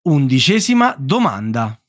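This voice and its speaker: A middle-aged Italian man hosts a casual, joking quiz about board games. His delivery is teasing and a little theatrical, in a medium-pitched voice with a close, dry sound. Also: very animated, unhurried, no echo. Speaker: quiz show host. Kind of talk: casual, jokey board game quiz talk.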